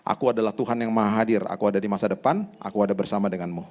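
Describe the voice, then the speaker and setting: God , voiced by a preacher in his own low voice, speaks calmly, steady and reassuring, with no theatrics. The tone stays even and assured throughout. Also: racing, natural voice.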